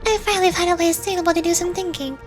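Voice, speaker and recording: Over video game music, a high-voiced woman streams a live playthrough of a story game, dramatically reading the on-screen dialogue and breaking into casual reactions. Racing also features.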